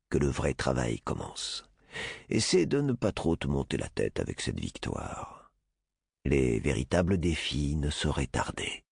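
A man doing a stern, low-voiced military mentor. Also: creaky, darkish tone, husky, no echo, clean studio sound, exaggerated voice. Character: stern older male military mentor, cool and demanding.

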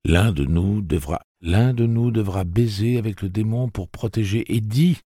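A man's voice: lowish voice, normal speed, warm tone, no echo, clean studio sound, pitched above the performer's own voice, close to an everyday voice. A man voicing a cynical, crude woman with a put-on Southern drawl in an audiobook. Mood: mocking. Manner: mocking, defiant.

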